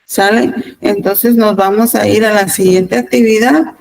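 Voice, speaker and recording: A Mexican woman teacher giving a virtual class, talking deliberately and often repeating words and pausing with fillers. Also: mid-range voice, fairly even intonation, gravelly, darkish tone, low-quality recording. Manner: deliberate, repeats words, fills pauses with "este". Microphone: video call.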